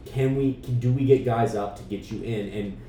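A man explaining sports strategy in casual chat, thoughtful and steady, with lots of fillers. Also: mid-range voice, moderate pace, echoey room, recorded from a distance, background noise. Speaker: podcast co-host.

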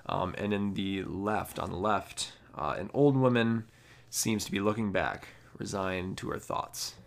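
A young man presenting art history in a casual, halting way, often stopping to correct how he pronounces names. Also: lowish voice. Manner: hesitant, many fillers and restarts, self-correcting pronunciations. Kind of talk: casual educational narration.

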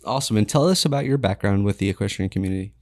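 A man's voice: lowish voice, very fast, a little mellow. A man hosting a studio podcast, asking friendly questions to prompt his guest. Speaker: podcast host. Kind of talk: casual interview chat.

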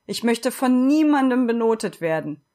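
A woman's voice: on the high side, animated, normal speed, mellow, voice pushed up, natural voice. A woman reading a storybook aloud and voicing a small, timid wooden puppet boy who sounds anxious and pleading.

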